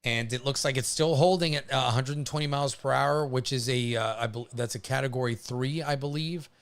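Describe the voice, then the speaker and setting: A man hosting a livestream, giving casual storm commentary in an informal, halting way, often pausing to hesitate. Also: mid-range voice, smooth. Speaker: livestream host covering a hurricane.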